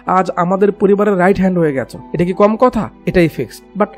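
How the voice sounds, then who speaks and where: An excitable, scheming middle-aged uncle, as a male narrator puts him on, whose high voice jumps up eagerly as he pitches his idea. His talk is quick and lively, with a faint music bed underneath. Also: close to an everyday voice. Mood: persuading.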